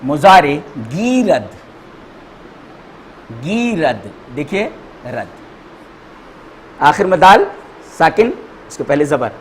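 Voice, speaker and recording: Slow, lively man teaching grammar. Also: fairly high pitch, a little hiss or hum, low-quality recording. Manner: slow, repeats each word, spells out letters and vowel marks. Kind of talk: classroom grammar lesson.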